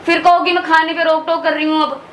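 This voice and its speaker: A woman's voice: very high-pitched, flat delivery, quick pace, fairly bright tone, slight background noise. A woman playing an exasperated young daughter-in-law. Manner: exasperated, complaining. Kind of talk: family quarrel skit.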